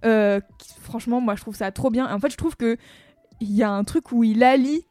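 A woman hosts a music program in a relaxed, enthusiastic chat, full of little fillers. Her voice sits a bit high. The studio sound is dry and close. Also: normal speed, no echo. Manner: chatty and enthusiastic, many fillers. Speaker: music radio host.

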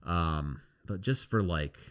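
Deep-voiced wry podcast co-host. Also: male voice, slow. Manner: relaxed, wry, short replies. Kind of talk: casual sports chat.

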